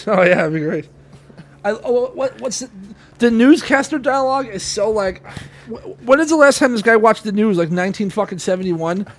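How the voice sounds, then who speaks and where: High-voiced man ranting and mocking. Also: moderate pace. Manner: animated, mocking, swears constantly, stammers on restarts. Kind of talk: casual profane chat.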